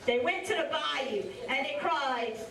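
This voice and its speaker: A woman's voice: high-pitched, measured pace, creaky, over a noisy crowd. A woman telling stories to children as an educator, theatrical and interactive. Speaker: storyteller and French educator. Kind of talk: animated live storytelling for children. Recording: echoey hall, distant microphone.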